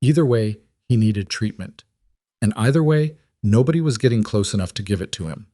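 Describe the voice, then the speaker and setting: A man narrating a dramatic story in a measured, scripted reading. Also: lowish voice, lively intonation, warm tone, no room sound, studio quality.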